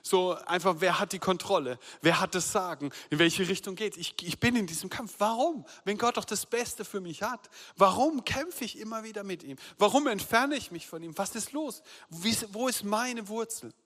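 A man delivers a personal sermon from the pulpit, his somewhat high voice swinging between quiet, hushed confession and louder, urgent questions. The sound carries a long reverb tail, as in a large church hall. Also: normal speed, few pauses. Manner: earnest, shifts between loud appeals and soft hushed confession. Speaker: pastor.

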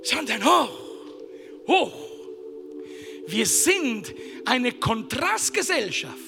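High-pitched preaching man over music. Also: very animated, very slow, vocal fry. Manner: emphatic preaching, swinging between shouts and hushed whispers. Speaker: pastor. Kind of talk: sermon. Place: church service.

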